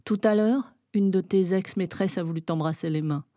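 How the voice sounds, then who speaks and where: A woman reading a novel excerpt aloud in a dramatic, intense way, rising to loud shouting in the heated passages. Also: on the low side, moderate pace, dry recording, clean studio sound. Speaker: reader.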